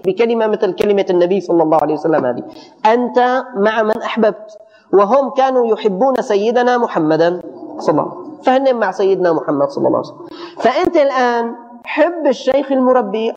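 A man giving a colloquial religious lesson, animated, often stumbling and repeating words for emphasis. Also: high voice. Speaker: religious teacher. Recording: dull audio with long hall reverb.

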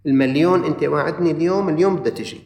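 A man with a Levantine Arabic accent preaching a sermon, moving from loud urging to quiet, earnest asides. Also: on the high side, racing, gravelly. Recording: roomy, distant from the mic.

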